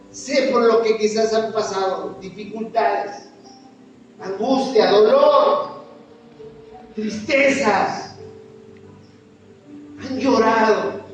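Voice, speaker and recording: High-voiced Mexican preacher in an echoey hall. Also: male voice. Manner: impassioned preaching with repeated rhetorical questions. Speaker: pastor. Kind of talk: sermon. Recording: echoey hall, distant mic, dull sound.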